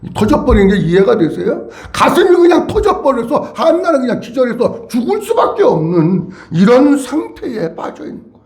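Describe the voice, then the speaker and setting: A man's voice: very high voice, big pitch swings, normal speed, darkish tone. A male pastor preaching a sermon to his congregation, emphatic and repeating key words, with many questions to his listeners. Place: church sanctuary. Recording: echoey church hall.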